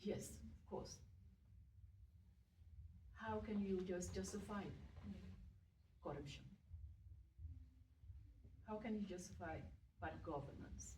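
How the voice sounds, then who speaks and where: A woman's voice: lowish voice, a little mellow. A woman from Senegal, speaking emphatically on a panel and pressing her points with rhetorical questions. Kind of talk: panel discussion. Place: event hall at a panel discussion. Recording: echoey room, distant mic, faint noise.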